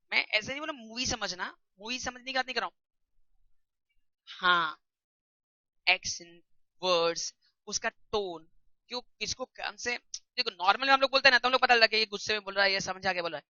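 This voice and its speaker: A man lectures a class in a chatty, questioning way. His voice is very bright and sharp. The sound is dry and dull, like a lo-fi recording. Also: extremely high pitch, no echo. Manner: conversational, asks the class questions. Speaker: teacher.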